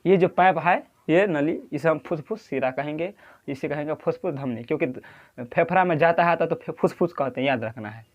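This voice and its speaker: A man's voice: fairly high pitch, normal speed, highs cut off. A man with a Bihari accent teaching a lecture, who keeps asking the class questions and repeating key terms. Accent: Bihari Hindi. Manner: quizzing, repeats key terms, drawing at a board.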